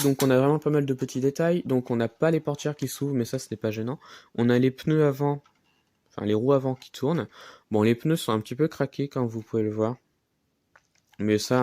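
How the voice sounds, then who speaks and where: A man's voice: mid-range voice, dark tone. A man presenting his flea-market model car finds in a casual vlog, talking hesitantly with many fillers and restarts. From France.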